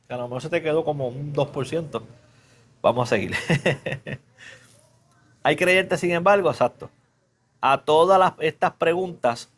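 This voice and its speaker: A man preaching in a relaxed, conversational way, teaching a Bible class and often asking the listeners questions. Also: on the high side. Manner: casual, chatty, asks the class questions; mixes English fillers into Spanish.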